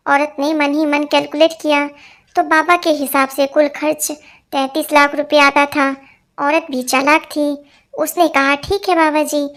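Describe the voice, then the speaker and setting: A woman with a high voice reads a run of brief jokes as scripted narration, keeping all the parts in a single steady voice.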